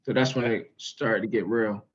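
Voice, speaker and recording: A teenage high school football player from Maryland giving brief, hesitant interview answers with many "um"s and a polite "yes, sir". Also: male voice, steady tone, moderate pace, husky, highs cut off. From Maryland, USA. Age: teens.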